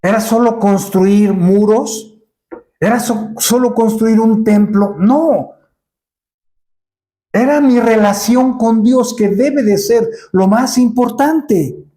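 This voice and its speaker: A man's voice: high-pitched, slow, mellow, reverberant. A man preaching a sermon in a church, asking the congregation rhetorical questions and acting out Bible scenes.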